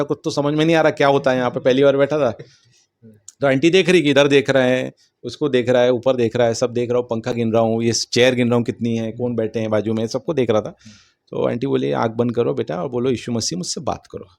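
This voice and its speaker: Quick, gravelly man telling his testimony. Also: medium pitch. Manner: animated, acts out dialogue. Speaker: testimony speaker. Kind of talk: personal testimony storytelling.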